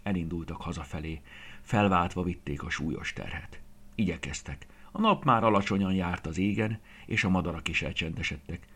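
A man narrating a children's story in an expressive, lively reading voice, sometimes dropping to a whisper. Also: deep voice, breathy edge.

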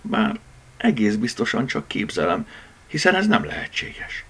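A man voicing a proud, quick-tempered male tomcat in an audiobook, anxious in manner. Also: medium pitch, wildly swooping pitch, a bit bright, breathy edge, voice pushed up, heavily acted.

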